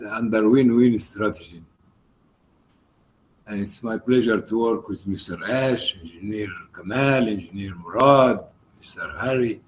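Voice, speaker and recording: Slow-talking polite guy introducing himself on a team call. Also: fairly low pitch, darkish tone. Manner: slow, courteous. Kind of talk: self-introduction on a video call.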